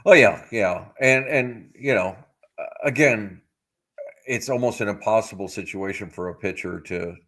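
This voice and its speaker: Deep-voiced man in casual baseball chat. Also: fairly bright tone. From United States. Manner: measured, hedging, thinks aloud with many "you know"s. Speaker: co-host of a baseball podcast.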